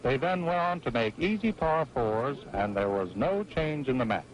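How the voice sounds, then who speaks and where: A man's voice: medium pitch, sing-song, normal speed. A man giving golf commentary on a televised match in a folksy play-by-play manner. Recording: noisy old broadcast audio.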